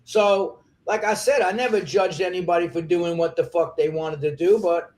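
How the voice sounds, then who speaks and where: High-voiced man ranting profanely. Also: fairly even intonation, darkish tone. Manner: angry, profane, rapid ranting. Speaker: interview guest. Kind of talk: heated interview talk.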